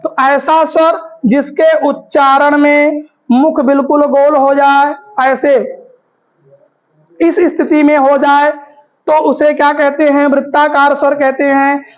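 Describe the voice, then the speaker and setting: A woman's voice: high-pitched, little pitch movement, takes it slowly. A woman teaching grammar, asking the class questions and answering them herself, repeating the key terms. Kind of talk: Hindi grammar lesson. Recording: dull lo-fi recording.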